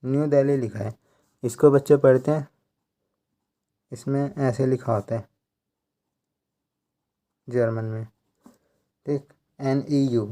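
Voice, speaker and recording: A man giving a slow tutorial, counting out numbers one by one and explaining how each is read. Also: mid-range voice, steady tone, dark tone. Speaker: language teacher.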